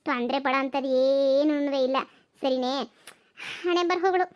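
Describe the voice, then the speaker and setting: A woman voicing chatty village women in a cartoon comedy, in a rapid, gossipy, exclaiming manner. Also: sits high, dull audio, natural voice.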